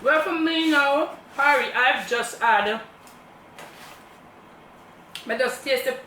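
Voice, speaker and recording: A woman's voice: high-pitched, takes it slowly, sharp tone. A woman with a Jamaican accent chatting casually about food while chewing as she talks. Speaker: mukbang co-host. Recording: roomy echo, distant mic, faint noise.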